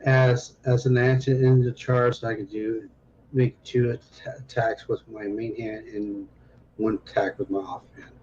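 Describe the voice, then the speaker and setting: A man playing a tabletop game, thinking his moves out loud and a little unsure. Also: medium pitch, level tone, measured pace, lo-fi sound, a little hiss or hum. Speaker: player. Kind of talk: casual tabletop game chat.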